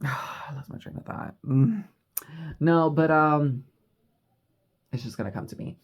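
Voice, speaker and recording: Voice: medium pitch, measured pace, husky. A vlogger talking casually and reflectively into the camera, rambling and confessional, full of "like" and "you know.". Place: house in Mexico.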